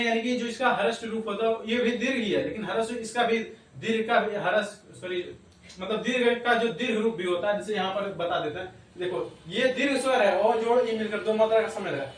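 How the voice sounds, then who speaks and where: This classroom recording, made with a distant mic in an echoey room with faint background noise, features a man whose voice sits high. He teaches grammar step by step, often checking with "ठीक ना" and laughing at himself now and then.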